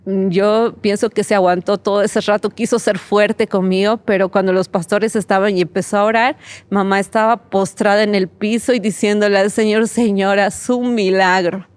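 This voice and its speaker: A woman's voice: medium pitch, flat delivery, normal speed, a little mellow, dry recording. A woman speaks as a guest on an interview podcast, telling her testimony of faith. She talks with heartfelt emotion, acts out what others said to her, and laughs nervously between phrases. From Bolivia.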